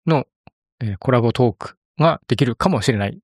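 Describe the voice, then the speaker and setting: A middle-aged man hosting a podcast, running through announcements in a brisk, chatty way. He speaks quickly in a mid-range voice, recorded close with no room sound. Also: mid-range voice, lively intonation, dry recording. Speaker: podcast host. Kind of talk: casual podcast chat.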